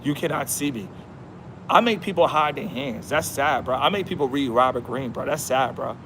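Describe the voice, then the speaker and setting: A man's voice: mid-range voice, normal speed, background noise. A man hosting a casual livestream outdoors. He talks in a slangy, emphatic, repetitive way and says "bro" a lot. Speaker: livestream host.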